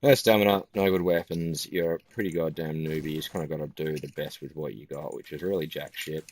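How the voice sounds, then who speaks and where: A tired man giving casual gameplay commentary in a flat, musing way. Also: rumbling low, quick pace. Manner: self-described monotone, relaxed and musing.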